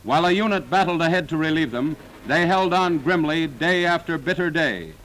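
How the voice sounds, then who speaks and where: A man's voice: fairly high pitch, animated, normal speed, a bit bright, low-quality recording. Man narrating an old 1940s newsreel. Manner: dramatic, solemn declamation.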